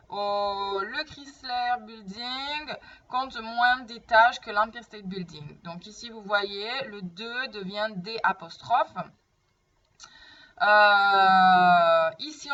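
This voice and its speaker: Unhurried woman teacher, distant dull recording. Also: mid-range voice, fairly bright tone. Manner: slow, patient explaining, often checking "d'accord?". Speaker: French teacher. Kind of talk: grammar lesson.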